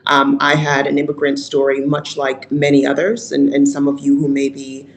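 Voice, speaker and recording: A woman from Rochester, New York, giving an earnest, measured and reflective talk as a guest speaker at a virtual conference. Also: a bass voice, completely flat delivery, rough recording. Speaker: guest speaker, mayor's chief of staff. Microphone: video call.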